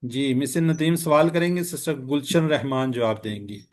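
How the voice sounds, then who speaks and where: Male teacher on a video call, steady mid-pitched voice, keeps quizzing the class patiently. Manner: patient, quizzing students with repeated questions. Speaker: Quran and Arabic grammar teacher. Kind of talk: online class lesson.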